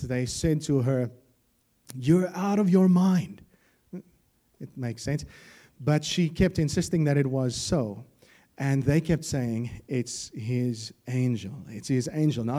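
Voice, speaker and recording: A man preaching a sermon, lively and joking, with animated asides. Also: a little high.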